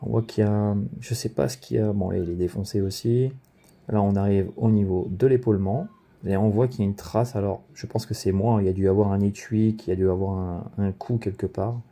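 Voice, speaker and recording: Gravelly, dark-voiced man rambling casually. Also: fairly low pitch. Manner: rambling, many fillers and self-corrections. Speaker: gun collector presenting his rifle. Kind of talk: casual video commentary.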